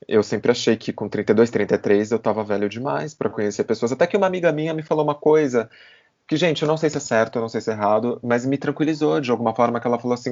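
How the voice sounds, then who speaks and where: A man's voice: mid-range voice, darkish tone. Reflective man in his thirties, dull audio. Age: 30s. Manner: hesitant, repeats words and restarts while thinking aloud. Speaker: podcast host. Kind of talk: reflective casual chat. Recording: slightly dull podcast audio.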